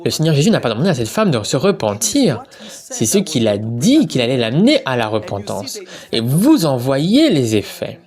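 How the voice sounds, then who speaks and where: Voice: mid-range voice, a little mellow. A preacher delivering a sermon, exhorting the congregation directly with commands and questions.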